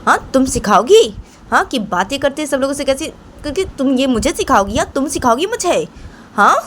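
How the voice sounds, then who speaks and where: A woman putting on an old grandmother voice, high and shrill, accusing, scolding, storybook telling. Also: very animated, a little fast, a little hiss or hum. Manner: accusing, repeats questions.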